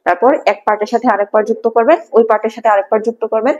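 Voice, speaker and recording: A woman's voice: a little high, fairly even intonation, racing, a little mellow, dull audio. A young woman teaching English, drilling long words part by part with patience. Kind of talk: casual lesson mixing Bengali and English.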